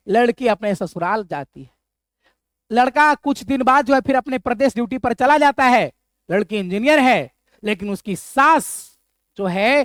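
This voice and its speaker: Animated Bihari male teacher telling a story. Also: very high voice, no echo, clean studio sound. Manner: playful, repetitive, drawn-out syllables. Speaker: geography teacher. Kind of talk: storytelling memory-trick lesson.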